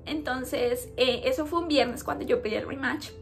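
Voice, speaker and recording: A young woman with a Colombian accent speaks straight to her camera in a fairly high voice. She tells a painful personal story in halting bursts, repeating words and sounding close to tears. Soft music plays faintly beneath her voice. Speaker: vlogger.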